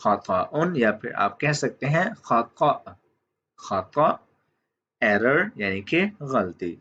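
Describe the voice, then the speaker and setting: A man gives a calm, unhurried vocabulary lesson at a mid pitch. He says each new word twice and pauses to check in with the listener. His voice-over sounds a little dull and lo-fi. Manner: repeats each word slowly, often says "theek hai". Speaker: language teacher. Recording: dull lo-fi audio.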